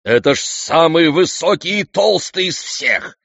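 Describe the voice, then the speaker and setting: A man voicing an arrogant, reckless king who shouts orders in a domineering way, in an audiobook. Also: medium pitch, animated, moderate pace, no echo, highs cut off, close to an everyday voice. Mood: commanding. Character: arrogant, reckless male king, loud and bossy.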